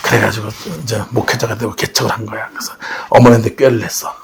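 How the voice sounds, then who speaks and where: A middle-aged male pastor preaching a sermon in a church, telling family stories with shouting bursts and acted voices. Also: lowish voice, flat delivery, quick pace, creaky, background noise. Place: church sanctuary.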